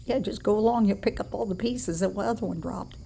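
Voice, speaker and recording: A woman's voice: medium pitch, fast, creaky, dark tone, slight background noise. A woman talking casually and affectionately to animals in a folksy way, as if filming at home.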